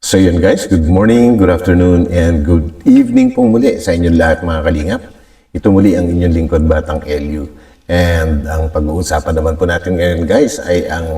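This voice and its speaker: Deep-voiced man hosting a reaction vlog. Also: darkish tone, far from the mic. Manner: polite, rambling, many fillers. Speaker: reaction vlogger host. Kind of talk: casual reaction vlog commentary.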